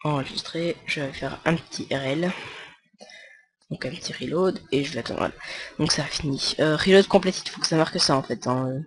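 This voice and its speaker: A man's voice: on the high side, fairly quick. A man talking through a casual screen-recorded game tutorial, rambling and stumbling over his words with many fillers, and joking with his viewers. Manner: chatty and jokey with viewers. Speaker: tutorial maker.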